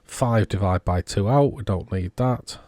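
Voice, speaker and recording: A man giving casual, unhurried technical commentary, thinking aloud as he inspects a circuit board. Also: on the low side, mellow, no echo. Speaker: electronics repair vlogger.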